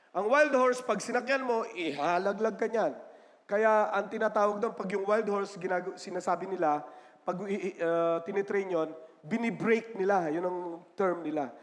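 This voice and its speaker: A male pastor preaching a sermon in a chatty, joking way, often asking the congregation for an "amen" and mixing in English definitions. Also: high voice. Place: church sanctuary. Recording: long church-hall reverb.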